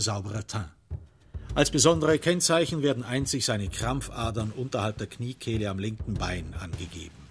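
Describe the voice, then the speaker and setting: With a medium-pitched voice, a man delivers dramatic literary narration for a radio crime drama, deliberate and measured, leaning on emphatic stresses.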